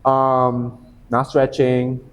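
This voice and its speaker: A man's voice: medium pitch, completely flat delivery, extremely slow. Laid-back male fighter from the Philippines. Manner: laid-back, slangy, calls people "bro" and "man". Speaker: professional MMA fighter, guest. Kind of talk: casual podcast chat.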